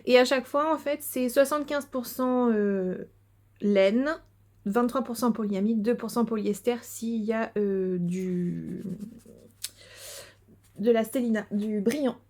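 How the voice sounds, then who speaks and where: A woman's voice: a little high, measured pace, a little mellow. A woman chatting casually to her viewers as a knitting and sewing podcaster, hesitant with many fillers and given to giggles. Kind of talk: casual video chat showing crafts.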